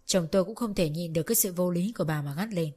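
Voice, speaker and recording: A woman narrating a first-person story in an even, storytelling manner. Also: on the low side, quick pace, slightly rough, faint music behind.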